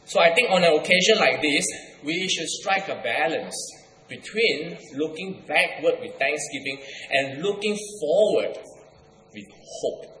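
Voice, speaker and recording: A man's voice: on the high side, lively intonation, a little slow, pushed and bright. A middle-aged man from Singapore with a Singaporean accent, preaching a sermon as a guest pastor, with light humor. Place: church hall. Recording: echoey church hall.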